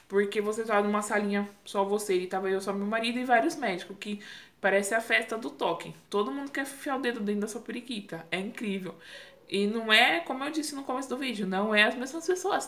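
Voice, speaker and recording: A young Brazilian woman speaks casually to her viewers, retelling a long labor in vivid detail. Her voice sits in a middle range, but she leaps up in pitch when she replays her own screams and pleas. The delivery is animated and candid, like an unscripted chat with friends. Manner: animated, acts out her own cries and quoted lines. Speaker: vlogger telling her birth story. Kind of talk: casual storytelling to camera.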